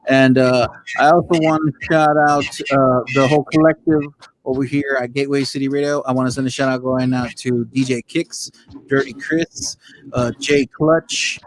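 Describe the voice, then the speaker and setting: A man hosting an online radio show, talking casually in chummy street slang and giving shout-outs. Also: medium pitch, steady tone, moderate pace, low-quality recording. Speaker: show host.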